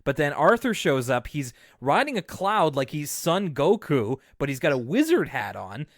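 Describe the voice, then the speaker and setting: A man's voice: fairly high pitch, very animated, moderate pace, no echo, clean studio sound. A man co-hosting a podcast, recapping a cartoon episode in a chatty, wry way with many fillers. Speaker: podcast co-host. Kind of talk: casual chat.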